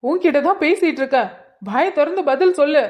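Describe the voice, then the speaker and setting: A woman's voice: high voice, a little fast, darkish tone, highs cut off, lightly acted. A woman voicing an angry young man who scolds his sister and pleads with his friend, in a cartoon drama. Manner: pleading, accusing. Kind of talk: cartoon voice acting.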